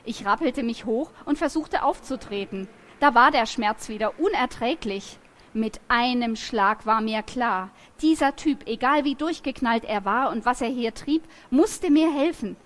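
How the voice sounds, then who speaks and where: A woman reads a novel aloud, her slightly high voice lively and expressive. She tells the first-person story with steady, engaged storytelling. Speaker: reader.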